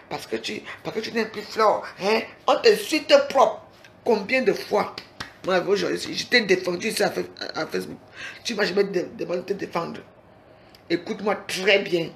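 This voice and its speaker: Woman, gravelly voice, mid-pitched, angry livestream rant, confrontational, phone mic. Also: fairly bright tone, a little hiss or hum. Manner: confrontational, repeatedly demanding "you hear?".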